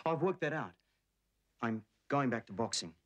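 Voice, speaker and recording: A man's voice: medium pitch, animated, moderate pace, a bit bright, close to an everyday voice. An actor playing a proud, earnest boxer in a television soap drama, insistent on providing for his woman. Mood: determined.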